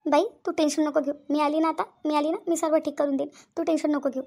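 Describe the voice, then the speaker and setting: A woman's voice: high-pitched, little pitch movement, fast, darkish tone. A woman voicing a comforting adult female friend in a cartoon, soothing and reassuring, often checking with a short "hm?". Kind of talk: Marathi cartoon voice acting.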